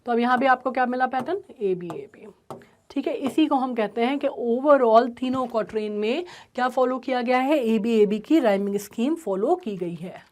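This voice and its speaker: High-voiced woman teaching a poem. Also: lively intonation, moderate pace, darkish tone. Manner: repeats "ठीक है" often, mixes English terms into Hindi. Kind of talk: explaining a poem to school students.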